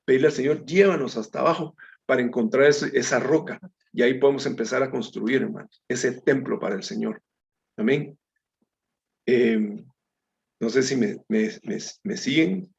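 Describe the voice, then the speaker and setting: A man's voice: mid-range voice, moderate pace, gravelly, a little mellow. A man teaching a Bible study in a conversational way, calling his listeners brethren and reading scripture aloud. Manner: reads scripture aloud with small slips. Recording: dull lo-fi recording.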